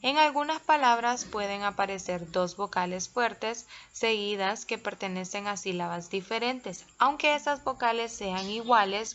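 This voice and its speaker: A woman teacher giving a recorded lesson, slowly and carefully breaking words into syllables. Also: medium pitch, a bit bright, highs cut off. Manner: slow, careful, spells out syllables.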